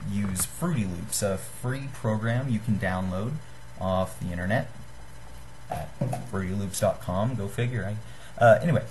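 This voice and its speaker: A young adult hobbyist demonstrates a homemade gadget in a casual tutorial, speaking to a webcam or computer mic at desk distance in a small room. His voice is lowish and darkish, with soft music behind him, and he comes across as halting, apologetic and self-deprecating.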